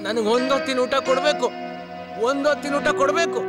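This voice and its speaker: A man's voice: very high voice, steady tone, quick pace. An actor dubbing a down-on-his-luck younger brother who is drunk and rambles, repeating himself, in a dubbed film. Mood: drunk, rambling. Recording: loud film score behind. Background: music.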